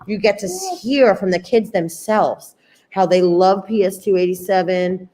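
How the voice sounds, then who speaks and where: A woman's voice: mid-range voice, moderate pace, warm tone. A woman hosting a school open house, chatting playfully and enthusiastically with viewers and a young student. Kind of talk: upbeat casual chat.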